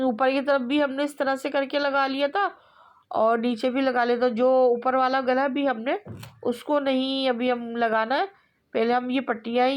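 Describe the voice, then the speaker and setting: A woman explaining kurti neck stitching step by step in a relaxed, repetitive way, pausing often with fillers. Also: high voice. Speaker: sewing instructor. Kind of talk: step-by-step tailoring tutorial.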